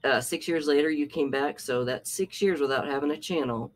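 A man's voice: a little high, fairly quick. A man hosting a reaction commentary, talking in a sarcastic, scolding way. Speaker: commentary channel host.

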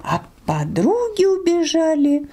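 A woman narrating a fairy tale as a storyteller, in an expressive storybook delivery. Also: extremely high pitch, slow pace.

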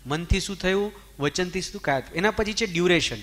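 A man giving a spiritual discourse, animated and questioning his listeners, mixing in English words. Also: high voice, a little fast. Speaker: spiritual teacher. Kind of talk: Jain discourse to an audience.

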